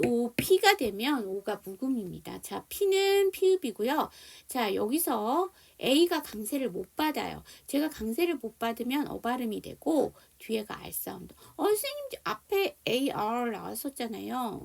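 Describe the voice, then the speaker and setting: A woman's voice: fairly high pitch, gravelly, husky. A woman teaching an online English phonics lesson, explaining spelling and sounds and leading students through repetition drills.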